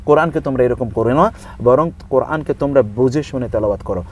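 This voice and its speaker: A man speaking as a religious scholar in an interview, explaining scripture in steady listed points, reciting verses in Arabic and dropping in English words. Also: mid-range voice, quick pace, dull audio. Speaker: Islamic scholar guest.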